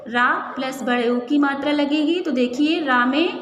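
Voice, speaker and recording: A woman teaching a primary school Hindi class, sounding out words slowly syllable by syllable and asking and answering her own questions. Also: high voice. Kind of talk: classroom lesson, slow syllable-by-syllable drilling. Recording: echoey room with faint ambient noise.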